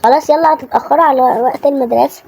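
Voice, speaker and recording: A woman voicing a scolding mother, Egyptian accent, toy-game story role-play, high pitch, mellow tone. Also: very fast, gravelly, soft background music. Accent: Egyptian Arabic. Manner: nagging, exasperated. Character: fussy, scolding mother waking her kids.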